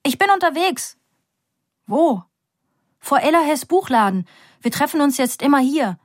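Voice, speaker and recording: A woman's voice: high-pitched, expressive, unhurried, dry recording, voice pushed up. A woman voicing a proud, defiant young woman student who talks urgently and outspokenly, in a dry, close recording. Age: young adult.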